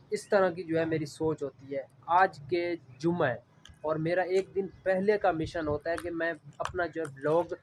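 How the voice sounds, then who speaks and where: Earnest rambling vlogger man, slightly high. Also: noisy background. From Punjab, Pakistan. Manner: earnest, rambling, heavy use of the filler "jo hai". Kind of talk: casual talk to camera.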